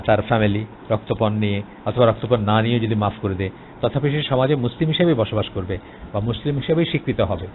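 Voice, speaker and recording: A man with a Bangladeshi Bengali accent giving an explanatory religious lecture, hesitant, with many filler sounds and English words mixed in. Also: on the low side. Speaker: Islamic lecturer. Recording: tinny phone-like line, faint noise.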